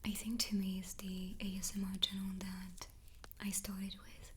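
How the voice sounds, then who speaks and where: A woman doing a whispered ASMR chat in a soft, playful, chatty way. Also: medium pitch, little pitch movement, normal speed, slight background noise. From France. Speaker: ASMR creator and host.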